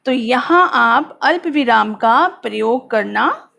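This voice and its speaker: A woman teaching a grammar lesson, explaining step by step and reading example sentences aloud slowly and deliberately. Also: fairly high pitch, expressive, creaky, sharp tone.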